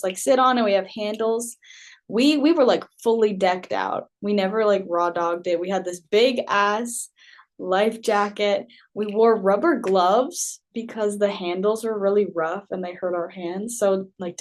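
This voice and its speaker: A young woman spins a personal story for her podcast in a loose, chatty way, dropping "like" constantly and breaking into laughter. Her voice sits at an ordinary middle pitch for a woman. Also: darkish tone. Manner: chatty, heavy use of "like", laughs often. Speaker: podcast host. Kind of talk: casual storytelling.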